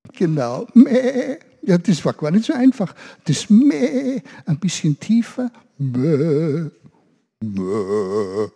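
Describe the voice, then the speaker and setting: A man's voice: fairly high pitch, slightly rough. A man leading a children's service, telling a story and asking the children questions. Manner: animated, asks children questions.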